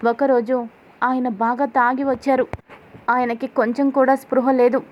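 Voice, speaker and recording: A woman's voice: high-pitched, level tone, normal speed, highs cut off, close to an everyday voice. Pleading young wife, read by a woman.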